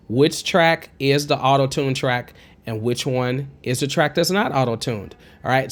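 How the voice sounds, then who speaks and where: A man in his thirties with a high, twangy tenor and a fairly bright tone walks through a music production tutorial in a casual screen recording. He's chatty and encouraging but digresses, speaking from a home studio with a green screen into a pop-filtered studio condenser mic while wearing headphones.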